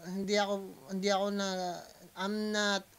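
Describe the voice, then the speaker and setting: A Filipino man hosting a reaction video, talking casually in mixed Tagalog and English, pausing often and calling out to his viewers. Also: high-pitched, little pitch movement, a bit bright, clear, resonant tone. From Philippines. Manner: hesitant Taglish, keeps addressing viewers as guys.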